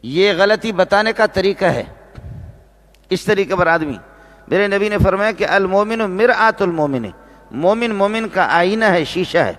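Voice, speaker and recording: Man giving a sermon in a high register, slows and repeats for emphasis; big echoing hall. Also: lively intonation, fairly bright tone. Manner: repetitive, slows down to stress key phrases. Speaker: Islamic preacher and teacher. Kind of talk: religious sermon. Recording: long reverb of a large hall.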